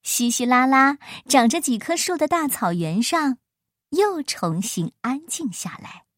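A woman reads a children's picture book aloud in a playful, expressive way, her voice swooping high and low. Her voice sits a little high and is recorded close and dry. Gentle music plays faintly underneath. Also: a little slow, no room sound. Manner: playful, expressive, rising and falling voice. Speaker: storyteller.

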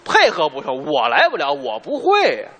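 A man doing live crosstalk comedy, firing back exasperated, quick retorts at his partner. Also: fairly high pitch, wildly swooping pitch, bright, forceful tone, husky. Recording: live stage with audience noise.

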